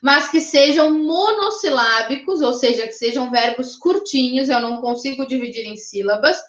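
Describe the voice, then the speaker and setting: Brazilian portuguese accent teacher lady, high voice, keeps asking "tá?", roomy muffled sound. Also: normal speed. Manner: explanatory, checks in with "tá?" and "né?". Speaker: English teacher. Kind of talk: online class lecture.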